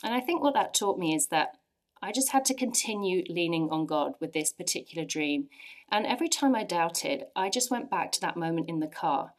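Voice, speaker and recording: A woman in her forties from England, English-accented, shares a personal testimony with a church audience. Her voice sits a little low and her delivery is brisk and earnest, with lively bursts of emphasis.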